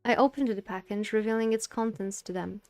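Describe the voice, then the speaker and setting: Smooth-voiced woman reading a story. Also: medium pitch, a little fast. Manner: steady reading with occasional asides. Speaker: reader of a visual novel. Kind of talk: reading a game's text aloud.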